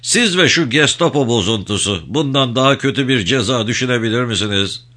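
A man's voice: mid-range voice, lively intonation, brisk, pushed and bright, pitched above the performer's own voice. A man playing a sarcastic bitter sergeant. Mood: mocking. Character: mocking bitter male army sergeant.

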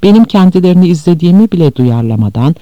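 A man giving a measured, grave scripted narration of a memoir as an audiobook reader. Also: high voice, lively intonation, dark tone, dry recording, dull audio.

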